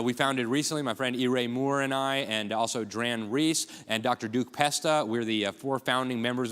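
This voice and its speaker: Fast-talking man in an echoing hall. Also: medium pitch, a bit bright. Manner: urgent, emphatic, rhetorical asides. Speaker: conference speaker. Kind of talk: impassioned conference speech. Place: large hall with audience. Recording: live talk in a reverberant hall.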